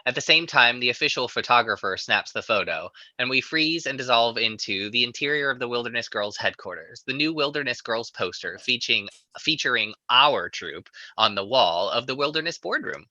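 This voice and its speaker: Sharp, bright male screenplay narrator. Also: mid-range voice, no room sound, muffled recording. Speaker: narrator reading stage directions. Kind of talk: narrating a live screenplay reading.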